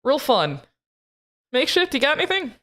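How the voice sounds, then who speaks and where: Tired woman host, blunt and crude, lively swinging pitch, echoey empty apartment room, poor mic. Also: normal speed. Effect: echoey sound of an empty apartment room. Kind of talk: casual chat opening a tabletop game stream. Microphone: poor home streaming mic.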